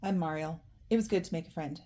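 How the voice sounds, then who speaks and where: A woman reading a storybook, voicing a cheerful, confident young boy in a higher voice than her narration. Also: quick pace, mellow, natural voice. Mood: confident, friendly. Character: earnest young boy, cheerful and sure of himself.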